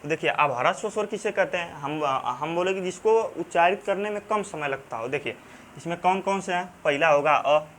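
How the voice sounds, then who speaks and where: A man with a Banarasi accent teaching a grammar lesson in a fairly high voice. He goes over each term again and again, stops to ask if the class is following, and fills his pauses with drawn-out sounds. A faint hiss runs under the recording. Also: a bit bright. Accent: Banarasi Hindi. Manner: repeats key terms, checks in with "theek hai"; halting, many fillers and restarts.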